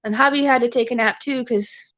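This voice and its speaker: Slightly high and steady in tone, a bit bright and a little fast, a Canadian woman in her forties rambles casually to livestream viewers with lots of fillers and restarts. She's on a webcam or phone mic, with no echo.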